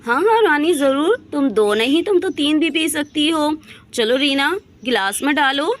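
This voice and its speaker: A woman's voice: sits high, animated, normal speed, voice pushed up. A woman voicing a kindly village sister-in-law chatting with neighbors. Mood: easygoing. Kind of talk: doll story voice acting.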